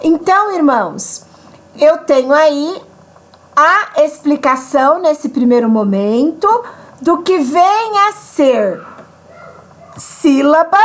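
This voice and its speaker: Slow, high-voiced woman teaching. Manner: patient, explanatory, checks in with "tá?" and "né?". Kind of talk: online grammar lesson.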